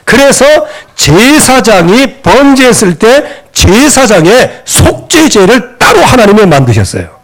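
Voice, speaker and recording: A male pastor delivers a sermon in a church with a notably high voice. His pitch swings widely as he preaches with animation, slipping into scolding voices when he quotes people. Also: very animated, measured pace, few pauses. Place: church sanctuary.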